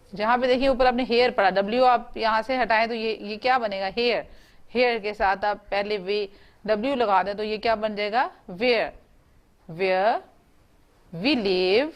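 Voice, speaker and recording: In an online class for young students, a woman with a mid-range voice spells out words letter by letter and puts questions to the class as she speaks.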